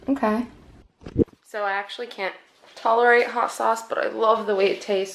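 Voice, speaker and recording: A young woman vlogs her day, talking casually to a handheld camera and rambling chattily with plenty of "like" and "um" fillers. Her medium-pitched voice is creaky, and the recording is rough.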